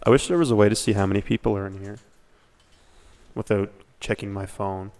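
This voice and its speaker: A man's voice: on the low side, fairly even intonation, fairly quick, darkish tone. A man co-hosting a casual podcast livestream, playful and joking as he reads the chat aloud. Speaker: podcast co-host.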